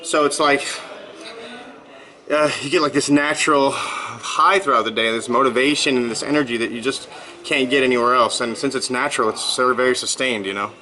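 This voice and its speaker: A man's voice: mid-range voice, fairly even intonation, brisk, bright, forceful tone, a little hiss or hum, low-quality recording. A man in his thirties talking casually in a vlog, rambling and upbeat with lots of fillers, just back from a workout. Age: 30s. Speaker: blogger.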